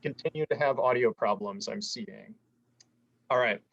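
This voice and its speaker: A man's voice: medium pitch, moderate pace, creaky, lo-fi sound, noisy background. A man teaching an adult education class over a video call from a church, his audio volume uneven and often dropping out. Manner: stumbling restarts, easygoing. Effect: audio volume uneven, keeps dropping out. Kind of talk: online church history lecture. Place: inside a church.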